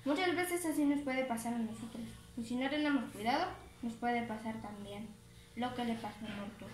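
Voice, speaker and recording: A woman's voice: on the high side, normal speed, slight background noise. Woman telling a children's story. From El Salvador. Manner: simple, plain storytelling with a closing moral. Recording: roomy home recording.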